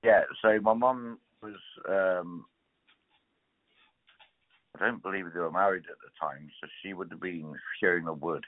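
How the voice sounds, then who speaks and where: Gummy, toothless deep-voiced man. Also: dry recording. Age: 50s. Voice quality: toothless, gummy, soft-edged articulation. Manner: halting, spells things out. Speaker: client on a phone call. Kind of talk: casual phone conversation. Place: telephone call. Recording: tinny, narrow phone line.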